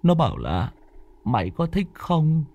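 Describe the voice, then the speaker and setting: A man's voice: fairly high pitch, huge pitch swings, measured pace, vocal fry, mellow, lo-fi sound, pitched above the performer's own voice, full character voice. A man voicing a terrified young village man who stammers and pleads in panic. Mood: terrified stammering.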